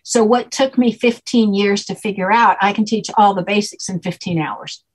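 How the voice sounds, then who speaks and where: An older woman with a husky, slightly breathy voice talks a guest through her ideas over a video call. She sounds patient and teacherly, building points step by step and pausing to check with "okay?". Her pitch sits in an ordinary middle range. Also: poor audio. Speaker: guest name expert. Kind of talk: explanatory interview talk. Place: home room, on a video call.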